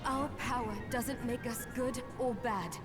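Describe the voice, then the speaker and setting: A woman's voice: fairly high pitch, measured pace, lightly acted. A woman playing an earnest young heroine. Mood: pleading. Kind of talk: video game voice acting. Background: game music.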